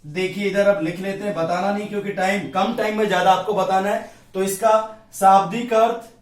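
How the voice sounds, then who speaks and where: High-voiced male teacher in an echoey room. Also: fairly even intonation, normal speed, far from the mic. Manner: drills points with repeated questions and answers. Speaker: Hindi grammar teacher. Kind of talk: exam-prep lecture at a board.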